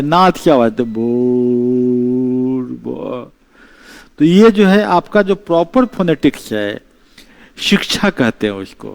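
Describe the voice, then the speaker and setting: A man giving an exam-prep history lecture, explaining slowly, repeating key terms and mixing in English phrases. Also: high voice, a little mellow. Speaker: teacher.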